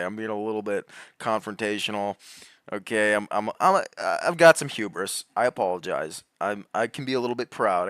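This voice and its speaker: A man giving heated, rambling commentary, laughing often and swinging between loud outbursts and low muttering. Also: smooth, no echo, studio quality. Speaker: commentary host. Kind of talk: animated conspiracy commentary.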